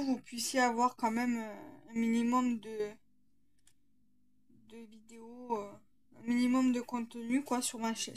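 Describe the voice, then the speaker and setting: A woman with a slight lisp, hesitantly thinking aloud as she narrates a casual craft tutorial. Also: a little high.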